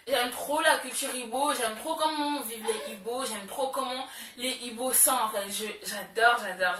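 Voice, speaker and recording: A woman's voice: fairly high pitch, pushed and bright, slight background noise. A young woman talking casually to her camera as a beauty vlogger, chatty, with lots of fillers and repeated words for emphasis. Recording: roomy echo, a bit far from mic.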